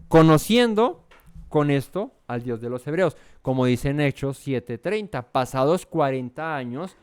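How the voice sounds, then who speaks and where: A man's voice: medium pitch, a little mellow, clear, resonant tone. A man with a Bogotá Colombian accent teaching a verse-by-verse Bible study in a conversational way, often asking "right?" and restarting his sentences. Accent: Bogotá Colombian Spanish. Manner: conversational, asks "¿cierto?" and "¿no?" often, with many restarts.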